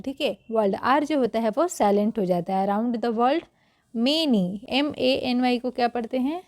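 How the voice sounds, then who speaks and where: A woman's voice: a little high, a little mellow, dry recording, studio quality. A woman teaching English reading in Hindi, patiently repeating each word and quizzing the viewer.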